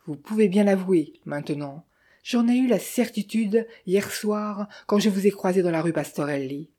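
A woman voicing a sly, smooth-talking male Italian bandit who mocks with false friendliness, in a storybook reading. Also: mid-range voice, moderate pace, warm tone, close to an everyday voice. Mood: mocking.

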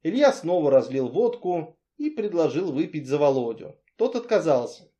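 Guy reading a novel aloud, warm mellow voice, a bit high. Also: sing-song, moderate pace, dull audio. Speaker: narrator. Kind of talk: audiobook narration.

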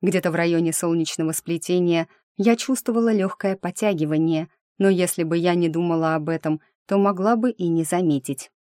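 A woman telling a first-person fantasy story as an audiobook narrator, with lively, engaged storytelling. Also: lowish voice, a little fast, hardly any pauses, dry recording, studio quality.

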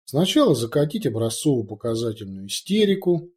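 Husky, lively male audiobook narrator. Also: medium pitch, brisk. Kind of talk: scripted fantasy narration.

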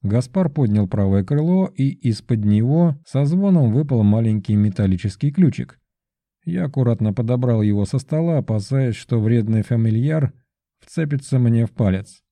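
A man narrating a fantasy audiobook in a measured, steady storytelling manner. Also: medium pitch, no room sound.

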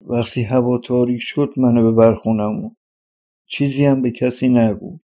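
A man's voice: medium pitch, fairly even intonation, warm tone, lightly acted. A man voicing a cursed young village woman who pleads earnestly and tearfully, on slightly dull audio. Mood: pleading.

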